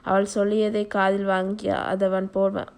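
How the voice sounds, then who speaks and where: Brief: woman storyteller, medium pitch, flat even read, measured pace. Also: creaky, smooth. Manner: steady, measured reading. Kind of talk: scripted story narration.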